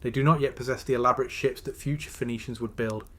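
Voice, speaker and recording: A man narrating a guided sleep story in a soothing, measured way, slowly and with pauses between phrases. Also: mid-range voice, fairly even intonation, fairly bright tone.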